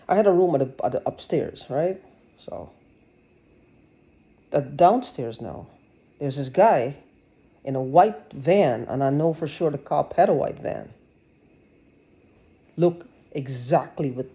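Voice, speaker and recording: Swearing, sarcastic and agitated, this woman rambles through a personal vlog monologue, often restarting her sentences. Her voice is low-pitched and mellow.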